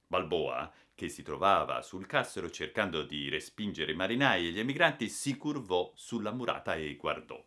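Expressive low-voiced male storyteller. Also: moderate pace, few pauses. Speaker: narrator. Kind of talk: dramatic audiobook narration.

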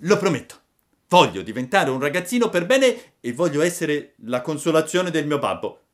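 A man reading a storybook, voicing a mischievous wooden puppet boy in a high, loud, excitable voice. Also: moderate pace. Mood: eager.

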